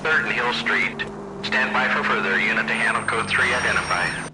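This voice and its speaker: An actor playing a male police radio dispatcher in a video game, giving flat, procedural call-outs over a police radio. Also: medium pitch, normal speed, low-quality recording. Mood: routine. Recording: heavy static-laden radio noise.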